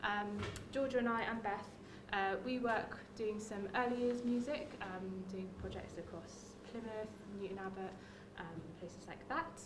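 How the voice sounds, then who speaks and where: A woman's voice: medium pitch, a little slow, few pauses, far from the mic, noisy background. Woman presenting in an echoey room. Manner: friendly, many "um"s, speaks to the room. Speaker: early years music practitioner and music therapist. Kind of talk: workshop presentation. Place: workshop room.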